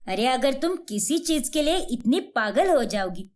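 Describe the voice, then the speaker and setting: A woman's voice: high voice, lively intonation, moderate pace, a little mellow. A woman voicing a stern, traditional mother-in-law in a cartoon story, lecturing her daughter-in-law. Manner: preachy, lecturing. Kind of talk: cartoon voice acting.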